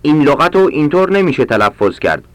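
A man reading short practice sentences aloud for language learners, slowly and with careful enunciation. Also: on the high side, sing-song, no room sound. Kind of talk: read-aloud Persian drill sentences for learners.

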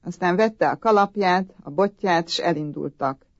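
A woman narrating a folk story in a calm, even storytelling manner. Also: lowish voice, no room sound. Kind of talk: storybook reading. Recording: dull, dry audiobook sound.

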